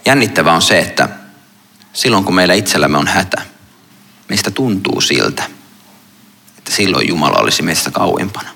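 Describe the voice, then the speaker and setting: A male pastor with a deep voice reads the gospel and preaches at a calm pace, pausing often between phrases. His voice is gravelly but bright and forceful. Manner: measured, with long pauses between phrases. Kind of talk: gospel reading and sermon.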